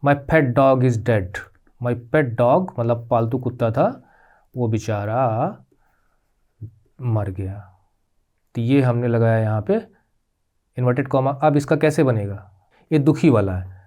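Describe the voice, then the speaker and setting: A man teaching a grammar lesson as a voice-over on slides, patiently repeating checks and spelling out terms slowly. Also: darkish tone. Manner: patient, repeats "ठीक है?" checks with rising pitch; spells out terms slowly, mixing English words into Hindi.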